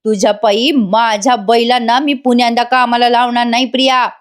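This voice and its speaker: A woman's voice: on the high side, level tone, normal speed, lightly acted. A woman doing a feisty bossy farm girl. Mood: scolding. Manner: scolding, commanding.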